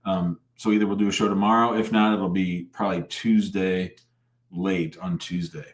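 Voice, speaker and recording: This deep-voiced man, a lawyer, hosts a live call-in show at a normal pace with fairly even intonation. He is casual, informal and blunt, often restarting his sentences, and the room sounds echoey.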